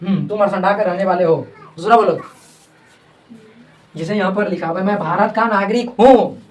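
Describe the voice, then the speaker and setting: A woman's voice: mid-range voice, normal speed, a little mellow, slight background noise. Woman teacher drilling pupils, distant mic. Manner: repetitive call-and-response questioning. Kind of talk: classroom grammar lesson. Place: coaching classroom with pupils.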